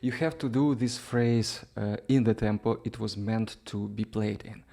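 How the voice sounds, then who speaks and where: A duduk teacher who is not a native English speaker gives an informal music lesson, his low, creaky, dark voice moving a little slowly with fairly even intonation. He explains hesitantly, slipping in small check-in questions.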